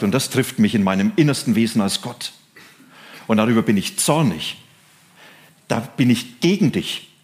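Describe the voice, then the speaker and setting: A male preacher delivers a sermon in a mid-pitched voice and reads scripture passages aloud. He speaks earnestly, and his voice lifts and slows on the phrases he wants to stress. Between those peaks his delivery is steady. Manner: earnest, stresses key phrases by rising and slowing.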